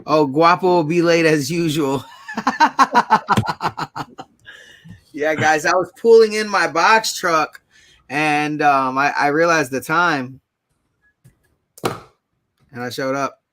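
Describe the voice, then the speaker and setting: A man co-hosting a live stream, excitable and quick to laugh. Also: on the high side. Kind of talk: casual live-stream chat.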